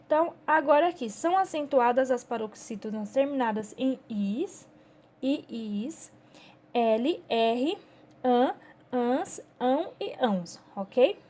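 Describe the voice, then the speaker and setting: A woman's voice: high-pitched, animated, takes it slowly, a little mellow. A woman teacher with a Brazilian Portuguese accent, patiently going through a children's workbook step by step and checking in often with her class.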